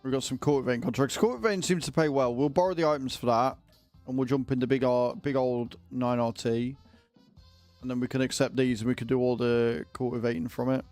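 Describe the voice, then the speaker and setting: A man's voice: medium pitch, fairly even intonation, a little fast, a little mellow, soft background music. A man livestreaming a video game, chatting casually and informally with his viewers. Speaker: livestreamer, gamer.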